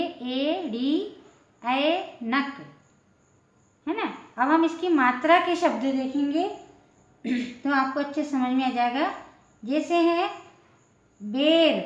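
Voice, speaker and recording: A woman teaching a language lesson, slowly explaining letters, asking questions and answering them herself, often repeating words. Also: high voice. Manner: slow, repetitive, asks questions then answers them. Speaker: Hindi teacher. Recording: echoey room, dull lo-fi sound.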